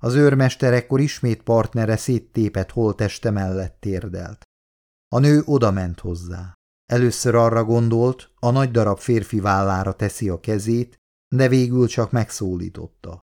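A man narrating an audiobook in a steady, measured reading voice. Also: on the low side. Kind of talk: scripted narration.

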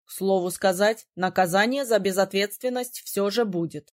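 A woman reading an audiobook, voicing a calm, teasing young male prince with a slightly lower, softer voice. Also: moderate pace, lightly acted. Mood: sly stern.

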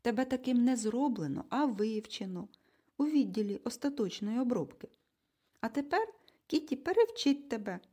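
A bossy, brisk mother figure from a storybook, as a woman reader puts her on. She talks in an emphatic, commanding, impatient way, with a mellow, slightly husky tone that swings widely in pitch. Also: very animated. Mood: forceful. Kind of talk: audiobook character reading.

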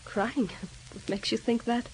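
An actress playing a sad young wife and mother who pleads softly, in 1930s radio drama style. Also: fairly high pitch, steady tone, measured pace, slight background noise, lightly acted, poor audio. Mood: subdued. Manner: soft, subdued pleading.

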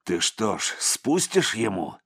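A man's voice: on the low side, big pitch swings, slow, fairly bright tone, slightly rough, full character voice. A man voicing a sullen ex-convict gang enforcer who grumbles and mutters threats. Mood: vengeful.

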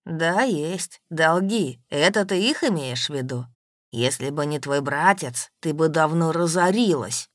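A woman's voice: low-pitched, lively intonation, unhurried, no room sound, clean studio sound, pitched below the performer's own voice. A woman voicing a pompous, syrupy-voiced man in an audiobook. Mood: scornful. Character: pompous smooth-talking middle-aged man.

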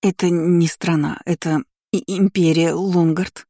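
A woman voicing a timid, anxious young maid who stammers and speaks up high. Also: steady tone, a little slow, dark tone, dry recording, clean studio sound.

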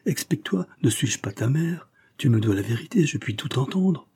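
A man reading aloud, voicing an anguished mother who pleads softly with her grown son. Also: medium pitch, animated, measured pace, slightly rough, pitched above the performer's own voice, heavily acted. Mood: frightened.

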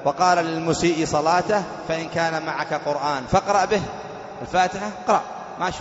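A man's voice: on the high side, steady tone. Man teaching in an echoey hall. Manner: explains step by step, repeating key points; slows to recite Quran verses with careful stress. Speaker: sheikh teaching fiqh. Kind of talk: religious lesson. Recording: echoey hall, dull lo-fi sound.

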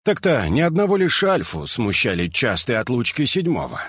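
A man narrating an audiobook in an expressive storytelling manner. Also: medium pitch, normal speed, husky.

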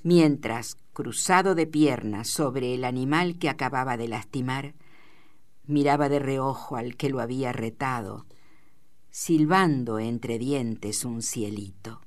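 A woman reads a literary novel aloud in measured, deliberate narration. Her voice is low for a woman, and she takes an unhurried, slow pace. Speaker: audiobook reader.

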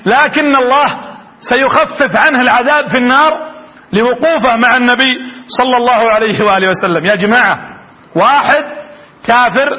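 Male preacher, very high bright voice, fervent storytelling lecture. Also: low-quality recording. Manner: fervent, addresses the audience directly.

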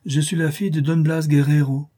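A man's voice: a little high, little pitch movement, brisk, dark tone, voice pushed up, natural voice. A man voicing a proud young noblewoman who speaks with grave, slightly haughty dignity. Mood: dignified.

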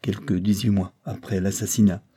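A man's voice: on the low side, level tone, moderate pace, mellow, breathy edge. A man voicing a sly barrister who coaxes and needles a witness in an audiobook. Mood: coaxing. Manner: coaxing and wheedling. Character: sly, insinuating male barrister.

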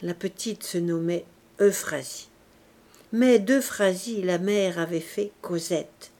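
Calm audiobook narrator, woman, unhurried and measured. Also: on the low side. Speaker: audiobook reader. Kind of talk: scripted narration.

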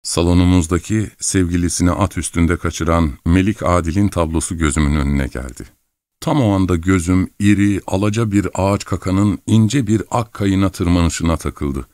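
A man narrates a novel in a calm, measured manner. His voice is very low and steady. The recording is dry and close, with no room sound. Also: no room sound. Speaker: audiobook narrator. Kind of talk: scripted narration.

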